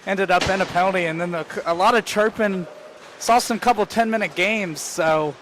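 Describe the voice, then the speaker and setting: A man's voice: sits high, moderate pace, background noise. A man calling live play-by-play for an amateur hockey game, matter-of-fact as he follows the action. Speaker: play-by-play commentator.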